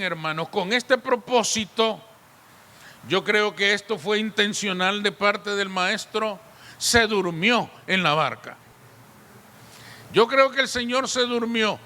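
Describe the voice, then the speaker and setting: A man's voice: high-pitched, bright, forceful tone, in a large hall. A pastor preaching a sermon in a church, building his points with repeated rhetorical questions.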